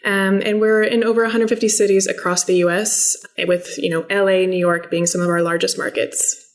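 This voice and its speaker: A woman in her thirties from San Diego who founded a startup. She answers the interview questions in an upbeat, fluent, polished way, with a medium-pitched voice. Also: level tone, a little fast. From San Diego, California.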